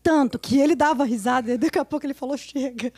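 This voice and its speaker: A woman from Brazil tells frank, animated anecdotes as a podcast guest. Her voice sits high, with a gravelly, fry-edged texture. The studio sound is dry and close. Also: very fast, no room sound. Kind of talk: casual podcast storytelling. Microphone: studio podcast mic.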